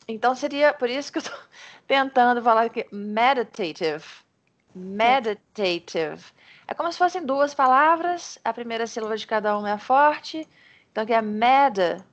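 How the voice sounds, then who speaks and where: Brazilian teacher lady on a video call, kinda high voice, says words slow again and again. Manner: encouraging, repeats words slowly to model pronunciation. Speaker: English teacher. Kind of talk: online pronunciation lesson in Portuguese.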